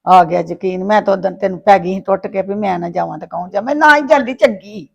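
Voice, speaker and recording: A woman playing a gravelly, complaining mother-in-law. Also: medium pitch, fast talker. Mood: aggrieved. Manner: complaining, indignant. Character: sharp-tongued older mother-in-law, quick to take offence. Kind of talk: family web-drama acting.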